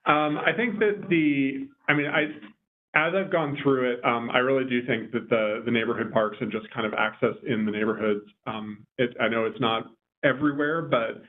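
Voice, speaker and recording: A man's voice: medium pitch, moderate pace. A man speaking informally as a consultant at a meeting, hesitant and rephrasing as he goes. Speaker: consulting parks planner. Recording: tinny phone-like meeting audio, faint noise.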